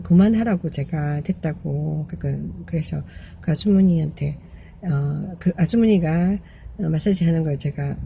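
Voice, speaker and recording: Middle-aged woman, low and warm, soft-spoken storyteller, hesitant with many restarts. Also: gravelly, a little hiss or hum. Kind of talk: personal storytelling.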